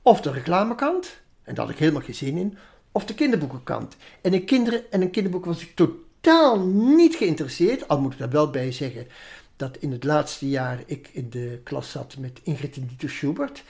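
A woman illustrator speaking reflectively in an interview, often trailing into softer tones. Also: low-pitched, big pitch swings, normal speed. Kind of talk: interview conversation.

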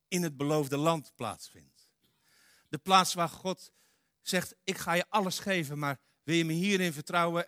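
A man preaching a sermon, animated, acting out quoted speech and swinging between loud and hushed delivery. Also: a little high, no echo, clean studio sound. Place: church.

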